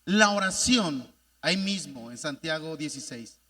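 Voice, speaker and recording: A male pastor delivers an emphatic sermon and keeps calling out to his congregation. His voice sits high and bright. The mic picks him up from a distance in the sanctuary. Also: expressive, measured pace, in a large hall.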